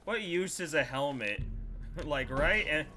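A man's voice: fairly high pitch, lively intonation, unhurried, over music. A young adult man giving casual, joking, sweary gameplay commentary as a streamer at home. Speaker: gaming streamer. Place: indoor room at home. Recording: game audio and clicks behind voice.

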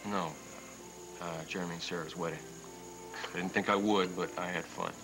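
A soft-spoken young husband. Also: male voice, sits low, fairly even intonation, moderate pace, poor audio. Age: young adult. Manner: soft, tender, hesitant. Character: earnest young husband reassuring his wife. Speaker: soap opera character Trucker. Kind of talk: 1990s TV soap acting. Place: indoor studio set, dining room. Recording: soap soundtrack with music underneath.

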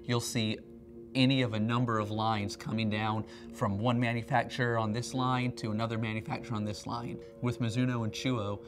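Accompanied by background music, a male company presenter in his thirties, an R&D representative leading a factory tour, gives a conversational promotional explanation. He speaks at normal speed in a medium-pitched voice with a flat delivery.

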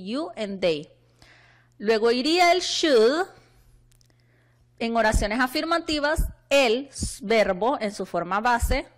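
Woman, teacher, from honduras, fairly high voice, patient classroom explaining, slow clear example sentences. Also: fairly bright tone. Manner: explains in Spanish, reads English examples slowly and clearly. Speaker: English teacher. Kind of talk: classroom lesson.

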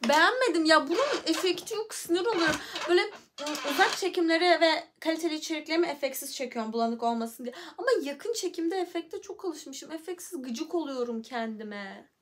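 A woman's voice: high-pitched, expressive, a little fast, a bit bright, slight background noise. A young woman hosting a casual livestream, chatting playfully with viewers and reading the chat aloud into her phone. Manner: playful, chatty, hums and sings nonsense syllables.

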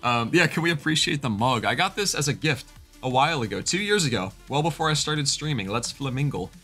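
A man's voice: mid-range voice, expressive, a little fast, a bit bright, husky, faint music behind. A young man in his twenties streaming live, chatting casually and rambling, with a stuffy nose from allergies. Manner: rambling, chatty, thanks chat by name.

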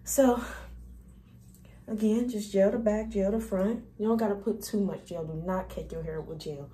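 A woman's voice: medium pitch, normal speed, warm tone. A young woman vlogger talking viewers through a hair tutorial in a casual, chatty, informal way. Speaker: beauty vlogger.

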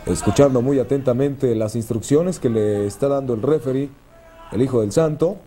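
A man's voice: mid-range voice, normal speed, dark tone. A man with a Mexican accent commentating wrestling play-by-play as a lucha libre announcer, solemn and descriptive.

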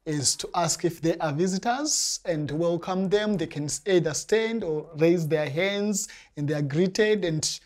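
Measured Zimbabwean man, lapel mic. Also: a little high. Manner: careful, measured, frequent pauses and restarts. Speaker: interview guest, church member. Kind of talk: casual interview answers. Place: small indoor studio set.

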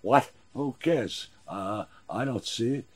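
A man in his sixties with a husky voice, chatting casually in a gruff, wry, halting way. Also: medium pitch. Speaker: boat builder and owner being interviewed. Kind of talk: casual chat. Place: small wooden sailboat cabin.

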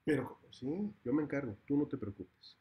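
A man's voice: medium pitch, lively intonation, moderate pace, breathy edge, phone-quality sound, voice pushed up. A fearful, servile advisor to a king, as a man with a Mexican Spanish accent puts him on. He sounds anxious and eager to please. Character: fearful old royal advisor, a father.

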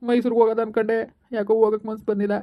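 A woman's voice: fairly high pitch, flat delivery, racing, lo-fi sound, natural voice. Woman playing a grieving cast-out young husband. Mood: resigned. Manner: pleading and self-pitying. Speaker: son in a village drama.

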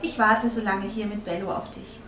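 A woman doing a gentle, coaxing mother. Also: medium pitch, fairly even intonation, normal speed, slight background noise, close to an everyday voice. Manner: soft, careful, reassuring. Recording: echoey room, from a distance.

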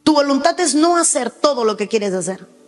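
A woman's voice: lively intonation, normal speed, in a large hall. Emphatic woman pastor preaching. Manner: emphatic preaching, sudden high shouts and acted quotes. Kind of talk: sermon.

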